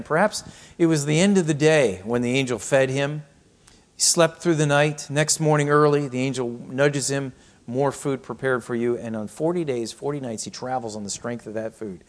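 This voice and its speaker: A man preaching a sermon as pastor, reading scripture aloud and reflecting on it with rhetorical questions. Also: medium pitch.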